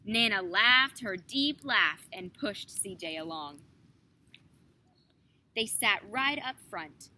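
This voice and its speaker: A young woman reads a children's story aloud at a slow pace. Her voice is bright and clear-cut, her phrasing careful, with noticeable noise in the background. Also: mid-range voice, lively intonation. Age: young adult. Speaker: student storybook reader. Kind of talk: scripted children's story narration.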